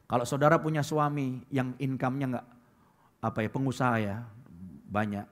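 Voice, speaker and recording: A male pastor preaching a lively sermon, calling out loudly and dropping to quiet asides. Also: medium pitch, moderate pace. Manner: lively preaching, swings between loud calls and quiet asides; acts out quoted churchgoers in put-on voices. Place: church hall.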